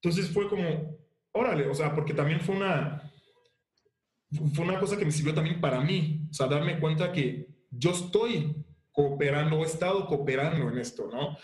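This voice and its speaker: A man with a Mexican Spanish accent, a guest actor talking casually in an interview, halting with many fillers and restarts. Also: fairly high pitch, a little mellow. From Haiti and Mexico. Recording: roomy echo.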